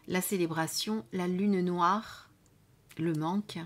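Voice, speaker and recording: A woman hosting a casual review of an oracle card deck, speaking softly and unhurriedly, often trailing off to near whispers, with frequent fillers. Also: fairly low pitch, fairly even intonation, slow pace. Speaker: card reading channel host. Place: indoors at home under studio lights.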